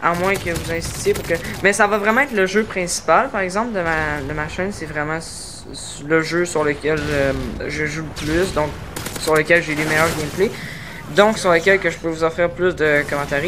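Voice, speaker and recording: A gaming YouTuber from Quebec, Canada talks in a voice on the high side, with fairly even intonation and a moderate pace, over a noisy background. His Québécois accent colors a casual, hesitant channel introduction over gameplay, packed with filler sounds as he tries to articulate carefully.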